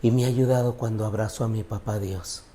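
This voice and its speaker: A middle-aged man, a priest, giving a homily and telling a personal story with dramatic swings between loud and soft. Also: on the low side, fairly even intonation, brisk, a little hiss or hum.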